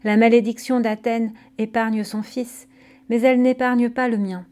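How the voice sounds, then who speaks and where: A woman's voice: on the high side, steady tone, measured pace, a little mellow, natural voice. Woman voicing a bitter grieving mother. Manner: bitter, spitting words. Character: grieving middle-aged mother, bitter and angry.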